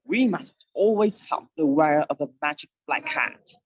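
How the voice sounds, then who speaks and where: Woman doing obedient magic monkeys: lowered, husky, slow storybook creatures, slightly dull sound. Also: animated, no room sound. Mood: dutiful. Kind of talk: storybook read-aloud for English learners.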